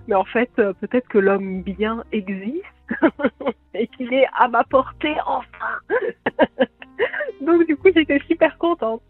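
A woman's voice: fairly high pitch, slow, long pauses, husky, no room sound, soft background music. A young woman from France telling a bad-date story in a chatty way, full of fillers and laughs, on a voicemail message. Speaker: listener sharing a story by voicemail. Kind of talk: casual storytelling. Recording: tinny phone voicemail line.

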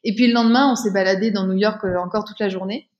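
A woman's voice: medium pitch, fairly even intonation, quick pace, lo-fi sound. A woman, a guest in an interview, telling a personal story casually, with many fillers and restarts.

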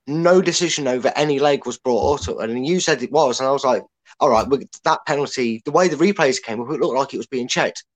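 A man with a medium-pitched voice gives his take as a fan pundit. He is blunt and conversational, circling back over his points to press them. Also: fairly quick. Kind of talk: casual football chat.

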